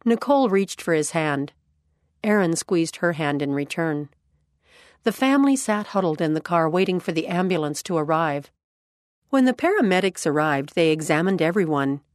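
A woman narrating a scripted story in a calm, measured way. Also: fairly low pitch, dry recording, clean studio sound.

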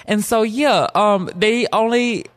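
A man's voice: high-pitched, slow pace, no room sound. A young man from South Carolina, telling a personal story in a casual, joking way and acting out quotes. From South Carolina, USA. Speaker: storyteller guest.

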